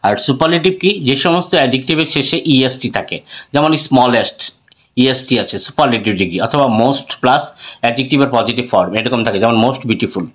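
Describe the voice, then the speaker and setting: A man with a Bangladeshi accent teaching an English grammar lesson. He mixes English phrases into his talk, asks questions and answers them himself, and repeats example words slowly. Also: medium pitch, fairly bright tone.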